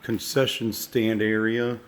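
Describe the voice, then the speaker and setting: An urban exploration video maker wanders an abandoned park site with a handheld camera, offering halting, musing, folksy commentary that is casual and unscripted. His voice is fairly low, flat in delivery, clear and resonant, though a little froggy from allergies.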